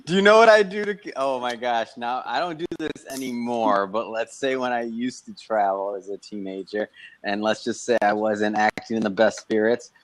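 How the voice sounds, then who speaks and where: Male co-host, live video chat, playful and quick to laugh, mid-range voice. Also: medium pitch. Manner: joking, laughs easily. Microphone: video call.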